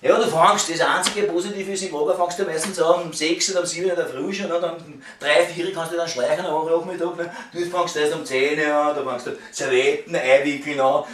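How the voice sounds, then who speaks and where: A man's voice: fairly high pitch, steady tone, brisk, hardly any pauses, fairly bright tone. A man in his fifties with a Viennese accent rants casually like a grumbling waiter, swearing and stumbling over repeated words in agitation. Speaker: waiter venting about the job. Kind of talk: casual rambling vlog rant. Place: at home, indoors. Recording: roomy echo, distant mic, clicks and noise.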